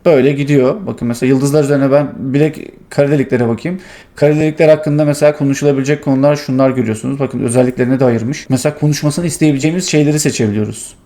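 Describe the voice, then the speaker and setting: A man hosting his tech channel, casually walking through a software demo and thinking aloud with many fillers. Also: mid-range voice, steady tone, rapid-fire.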